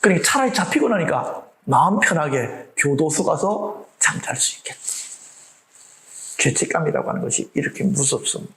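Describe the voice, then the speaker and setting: A male pastor delivers a lively sermon, his voice pitched a little high and carrying a gravelly edge. He poses rhetorical questions to the congregation and slips into acted-out voices for the people in his story. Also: moderate pace, low-quality recording. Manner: animated preaching, acts out quoted voices, rhetorical questions.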